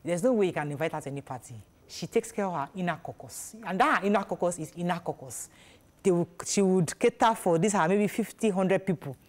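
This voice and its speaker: A woman's voice: fairly low pitch, fairly quick. A middle-aged woman, hosting a panel discussion in a TV studio and acting out quoted voices as she talks. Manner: animated, gestures while talking, acts out quoted voices. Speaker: talk show host. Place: TV studio set.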